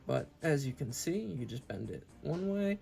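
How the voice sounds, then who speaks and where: Creaky-voiced man talking after wisdom teeth removal. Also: fairly high pitch, big pitch swings, moderate pace, dark tone. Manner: earnest, enthusiastic, repetitive. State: speaking while recovering from wisdom tooth removal. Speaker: toy reviewer and channel host. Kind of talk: casual hobby review chat.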